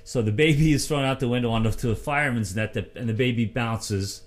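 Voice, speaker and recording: A man's voice: medium pitch, a little fast. A man hosting a sports talk show, telling long rambling stories in casual chat. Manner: rambling storyteller, acts out quotes.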